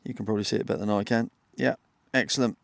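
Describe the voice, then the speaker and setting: A British man in his fifties with plenty of fry in his voice talks casually, as if to regular viewers. His delivery is chatty and understated, a running commentary given outdoors. The sound is dry, with no echo around it. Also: on the low side, steady tone, rapid-fire. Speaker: metal detecting vlogger. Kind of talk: casual outdoor vlog narration. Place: outdoors in an open grassy field.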